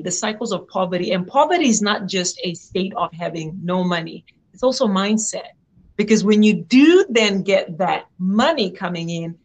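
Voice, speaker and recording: A young woman from Zimbabwe, a guest in an interview, telling her story in an earnest, reflective way. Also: mid-range voice. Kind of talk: interview conversation.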